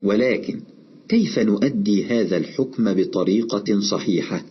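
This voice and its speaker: A man narrating a scripted lesson in a measured, explanatory way, slowing down to recite examples. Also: on the low side, breathy edge, highs cut off. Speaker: Quran recitation teacher.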